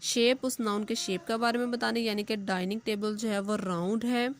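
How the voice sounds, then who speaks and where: A woman, a school English teacher giving a recorded lesson, patiently explaining step by step and reading English examples slowly. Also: on the high side, steady tone, slight background noise. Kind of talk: recorded class lesson explaining grammar and homework.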